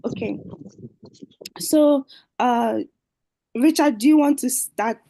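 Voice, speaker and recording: A woman's voice: high voice, slow pace, creaky, warm tone, rough recording. A woman hosting an online dating show over a video call, speaking hesitantly with many fillers. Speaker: host.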